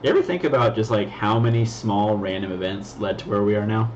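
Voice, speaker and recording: A laid-back man chats casually with a friend, slangy and quick to laugh, his voice sitting a little low. The sound is a bit dull and lo-fi, with a faint hiss behind it. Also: a little mellow. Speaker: co-host. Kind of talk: casual chat.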